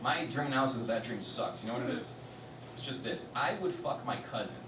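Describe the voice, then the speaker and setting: A man doing a stand-up comedy set on a festival stage. He swears a lot and swings between loud outbursts and low muttered asides. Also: lively intonation, fast, background noise. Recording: roomy hall, distant mic, loud audience.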